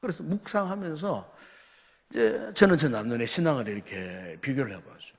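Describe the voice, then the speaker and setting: Husky Gyeongsang pastor in an echoing church. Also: male voice, mid-range voice, animated. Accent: Gyeongsang Korean. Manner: emphatic, rhetorical questions, dramatic pauses. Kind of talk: Friday prayer meeting sermon. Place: church sanctuary. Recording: reverberant church sanctuary.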